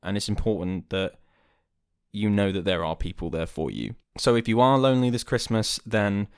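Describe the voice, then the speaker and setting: A man hosting a podcast, talking earnestly and rambling a little, swearing casually, from a dark room. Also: lowish voice, normal speed, clean tone, no echo, studio quality. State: hiccuping. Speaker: podcast host. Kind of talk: casual podcast monologue and chat. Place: dark room lit by candles.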